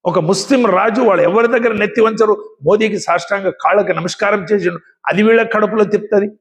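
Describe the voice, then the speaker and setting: A man with a Telangana Telugu accent delivers a scolding political monologue with a high-pitched voice, hammering the same phrases again and again. His voice rings in a long hall reverb, and he coughs now and then between points. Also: fast talker. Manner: emphatic, repetitive, scolding. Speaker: speaker.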